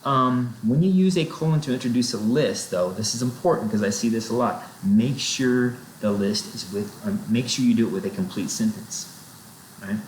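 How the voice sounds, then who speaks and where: A man's voice: medium pitch, moderate pace. A man explaining sentence structure in a recorded lecture, checking in with "right?" and "okay?" as he goes. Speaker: writing instructor. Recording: roomy echo, faint noise.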